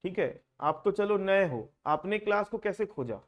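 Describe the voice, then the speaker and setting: A man with a slightly high voice lectures a classroom of students in Hindi. He keeps asking them questions and slips English terms into his explanations. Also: animated, normal speed, lo-fi sound. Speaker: accounting teacher.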